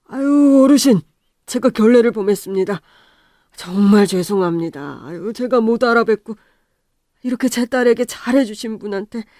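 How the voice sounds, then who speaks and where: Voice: medium pitch, expressive, moderate pace, darkish tone, dry recording, clean studio sound, close to an everyday voice. A voice actor playing a middle-aged male building owner who speaks curtly and businesslike in a radio drama. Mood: apologetic. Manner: curt, businesslike.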